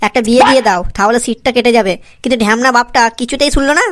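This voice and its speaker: A woman's voice: a little high, very fast, close to an everyday voice. A woman voicing a lazy, whiny young cartoon man who talks back cheekily to his father. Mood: complaining. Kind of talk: cartoon comedy voice acting.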